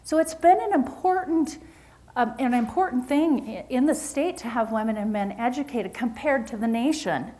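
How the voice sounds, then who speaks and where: A woman presenting research at a forum, talking through slides in an animated, emphatic way with frequent restarts. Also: a little high, normal speed. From Utah.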